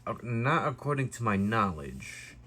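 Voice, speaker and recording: Brief: male vlogger, mid-pitched, rambly and self-correcting, casual hobby review. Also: very animated, a little slow, sharp tone. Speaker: YouTube diecast reviewer.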